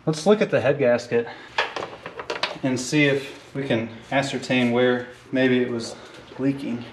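A man's voice: mid-range voice, unhurried. Man, casual how-to narration, jokey, talks to himself, noisy garage workshop. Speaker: car builder.

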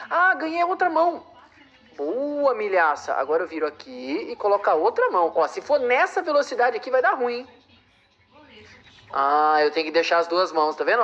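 A man's voice: on the high side, a bit bright. Ranting exasperated gamer guy. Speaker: game streamer. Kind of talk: comedic gameplay commentary.

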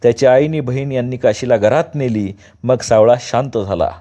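Male storyteller, vivid dramatic narration; mellow timbre, muffled recording. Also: mid-range voice, normal speed.

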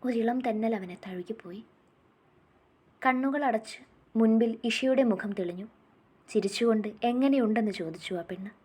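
A woman narrating a love story in a gentle, intimate way, speaking straight to her listeners. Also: on the high side, normal speed, pauses often, husky.

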